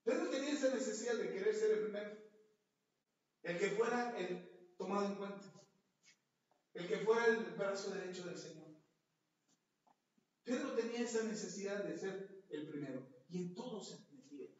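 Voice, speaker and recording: A man with a Mexican accent preaching a sermon as pastor, a lively storyteller who jokes and acts out the scenes he reads. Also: high voice, moderate pace, pauses often. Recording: very echoey, dull lo-fi podcast audio.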